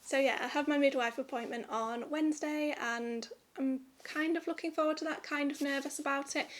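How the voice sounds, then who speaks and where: A woman's voice: sits high, fairly even intonation, moderate pace. A young woman vlogging to camera in a candid, rambling, chatty way. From United Kingdom. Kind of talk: casual chat to camera.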